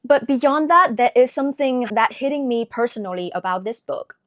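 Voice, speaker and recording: A woman's voice: a little high, expressive, normal speed, fairly bright tone, no echo. Earnest Vietnamese-accented woman, dry sound. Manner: earnest, chatty and reflective. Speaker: book vlogger. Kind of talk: casual book review vlog.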